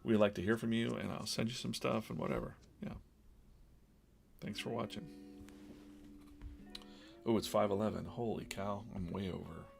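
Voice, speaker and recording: Low gravelly man chatting while drawing. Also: fairly even intonation, moderate pace, pauses often, faint music behind. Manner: rambling, self-interrupting, business-minded. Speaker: comic artist hosting a live drawing stream. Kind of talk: casual live-stream chat while drawing.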